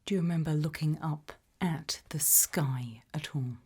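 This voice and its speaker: Playing an abduction investigator for ASMR, a British woman asks her questions slowly in a breathy whisper that is low and mellow. She stays soft, calm and measured the whole way through, questioning with care.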